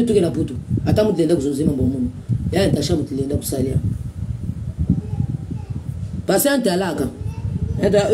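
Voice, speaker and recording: A man with a Congolese accent, hosting a radio show in a rambling, repetitive monologue full of filler sounds. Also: a little high. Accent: Congolese (Brazzaville). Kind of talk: casual commentary monologue. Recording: distant mic with a noisy background.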